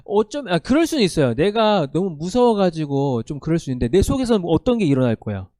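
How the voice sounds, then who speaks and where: A man preaching a sermon to a youth group, animated and conversational, often asking his listeners questions. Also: a little high, fast, no echo, clean studio sound. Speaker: youth pastor.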